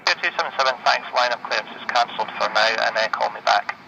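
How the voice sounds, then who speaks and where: A man's voice: medium pitch, fast, creaky, muffled recording. A man speaking as an air traffic controller over aviation radio, giving clipped instructions through crackling noise. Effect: radio transmission.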